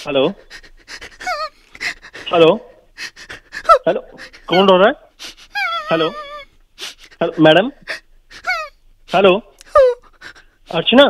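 Bewildered man pleading slowly on a noisy line. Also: sits high, lively intonation. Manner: bewildered, pleading, repeats himself. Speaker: prank call target. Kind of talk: confused phone conversation.

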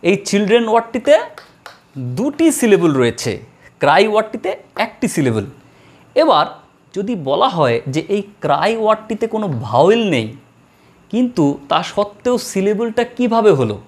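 A woman teaching an English grammar lesson, slowly drawing out model words and repeating them for her students. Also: medium pitch, very animated, a little mellow. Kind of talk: classroom lesson.

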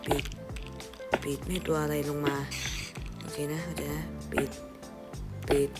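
Casual male game streamer, excitable, repeats words under his breath, swears when startled; loud music behind. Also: fairly high pitch, a little slow. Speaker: gameplay streamer. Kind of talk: casual gameplay commentary.

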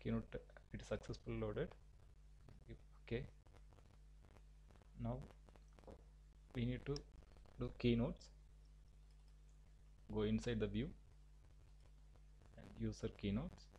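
A man teaching a software tutorial, giving halting step-by-step instructions with frequent restarts. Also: mid-range voice, steady tone, a little hiss or hum, rough recording. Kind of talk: screen-recorded software tutorial.

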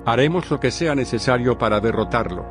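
A man playing a curious, slangy young anime fan in an animated comedy. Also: mid-range voice, brisk, music in the background, natural voice. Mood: casual.

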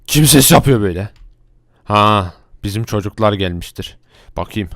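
A man's voice: on the low side, lively intonation, no room sound, studio quality. A man voicing a brash, bossy male thief gang leader in a Minecraft role-play, ordering his crew around and snapping at them. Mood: scheming. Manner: bossy, quick-tempered, yelling at his crew.

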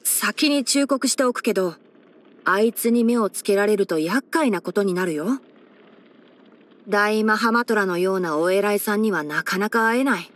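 A woman with a medium-pitched, natural voice speaks at a moderate pace, performing a scripted video game voice-over as a young male forest ranger with fox ears. She plays him composed, articulate and scholarly, sensible and dryly caring, explaining things like a mentor with mild wryness. The mood is dry and cautioning.

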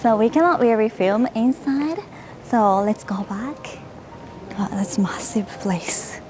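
Slow-talking woman vlogging outdoors. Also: fairly high pitch, animated, a little mellow, slight background noise. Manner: exclaims often, laughs a lot, searches for words. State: out of breath. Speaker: travel vlogger. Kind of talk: casual walking vlog. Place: outdoors at a temple with many steps.

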